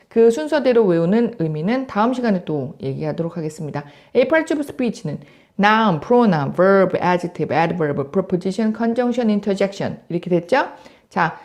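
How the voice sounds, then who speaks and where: A woman's voice: medium pitch, darkish tone. A woman teaching English grammar in a recorded video lesson, drilling word lists in a chant and checking in with the class.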